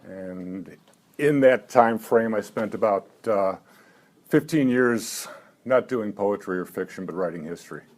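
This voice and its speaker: Between poems at a live reading, a man in his seventies offers dry, self-deprecating remarks, halting often and filling the gaps with "uh." His voice is fairly low, and it rises when he moves into the poems themselves.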